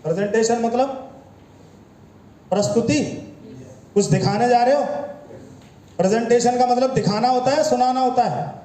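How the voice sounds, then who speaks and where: Male business trainer, high and mellow voice, lecturing style with rhetorical questions, recorded in an echoey room. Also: normal speed, long pauses. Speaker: network marketing trainer. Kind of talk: motivational training talk. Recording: echoey room with faint ambience.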